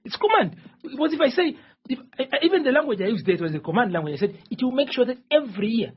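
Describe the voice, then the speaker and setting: This Tanzanian-born presidential candidate in his forties answers interview questions in a rambling, insistent manner, repeating himself a lot. His voice is husky and extremely high, with big pitch swings and a very fast pace. The sound is lo-fi.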